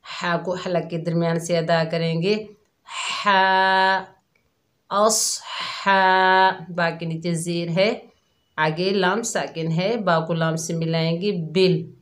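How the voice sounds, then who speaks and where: A woman with a somewhat low voice gives a calm, methodical recitation lesson, naming each letter and mark in turn. She speaks very slowly and patiently, and her throat sounds a little sore. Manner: calm, methodical explaining, drawn-out recitation of words. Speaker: Quran recitation teacher. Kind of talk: slow step-by-step tajweed lesson.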